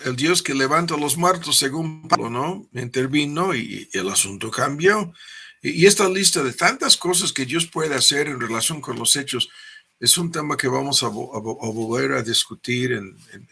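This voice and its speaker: A man's voice: fairly high pitch, creaky, bright, forceful tone, husky. A middle-aged man preaching a teaching sermon, repeating words and often tagging "¿no?" onto his points. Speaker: pastor.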